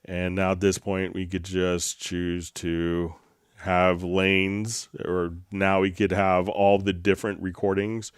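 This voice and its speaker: A man hosts a casual software tutorial stream in a very deep, magnetic low voice. The tone is smooth and resonant, with a slight cold, and he explains things in a halting, laid-back way. The sound is dry and close to the microphone. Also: little pitch movement, no echo. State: getting over a slight cold. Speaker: livestream host answering software questions. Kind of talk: casual tutorial livestream talk. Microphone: close microphone straight into mixer.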